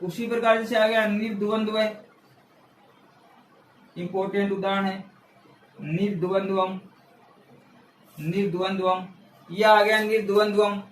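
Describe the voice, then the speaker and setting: This is a man teaching an exam-prep grammar lesson in a room with a board he writes on, his high voice flat and moderately paced with long pauses. He goes step by step, repeats key words, and answers his own questions. The audio carries slight hiss or hum, room echo, and a far-off mic.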